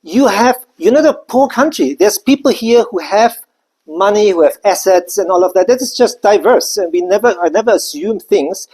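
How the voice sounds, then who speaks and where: This German company presenter sounds animated and a little mellow, with a breathy edge to a mid-range voice at normal speed. They're giving a live business presentation in a relaxed, conversational style with frequent digressions.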